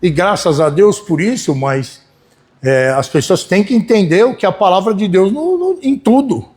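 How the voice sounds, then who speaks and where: A man with a Brazilian Portuguese accent preaching a sermon to his congregation in church. He speaks in a folksy way, keeps checking in with the listeners, and swings between loud and soft. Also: high-pitched, expressive, normal speed. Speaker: pastor.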